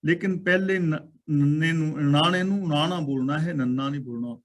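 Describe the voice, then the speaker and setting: Guy teaching scripture, fairly high voice, draws out the verse lines then breaks them down patiently. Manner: slow, drawn-out recitation of verse lines, followed by patient word-by-word explanation. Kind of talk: explaining scripture in a talk.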